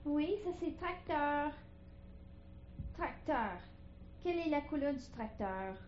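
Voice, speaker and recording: Mom baby-talking to her toddler, high and sing-songy, slow, echoey muffled home video. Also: animated, a little mellow, slight background noise. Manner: sing-song, coaxing, slow and exaggerated.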